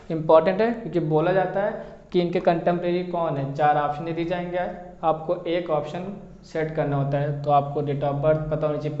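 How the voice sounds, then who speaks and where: A man with a high voice gives a classroom lecture, stopping often to ask if his students follow. The sound is roomy and slightly dull, like a lo-fi recording. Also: a little mellow. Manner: repeats questions to check understanding. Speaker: teacher. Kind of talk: Hindi lecture on English poetry.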